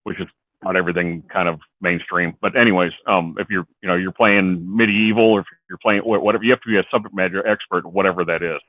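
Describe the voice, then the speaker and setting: Man, fairly low voice, rambling explainer, casual chat, tinny phone-like line, dry. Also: fairly even intonation, quick pace, no echo. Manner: rambling, explains with worked examples.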